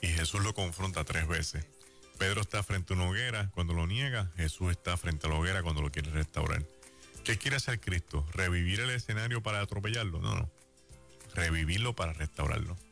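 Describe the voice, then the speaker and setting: A man with a Puerto Rican accent preaching a sermon, telling stories in a lively way and acting out the voices he quotes. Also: sits low, brisk, gravelly, soft background music. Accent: Puerto Rican Spanish. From Puerto Rico.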